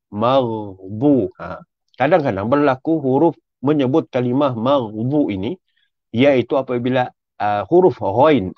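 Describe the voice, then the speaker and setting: A man's voice: medium pitch, no room sound. A Malaysian man giving a Quran recitation lesson, drawing out example words and correcting with frequent "ah" and "ha". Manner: drawn-out, repeated recitation examples. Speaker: religious teacher. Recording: dull, muffled lo-fi recording.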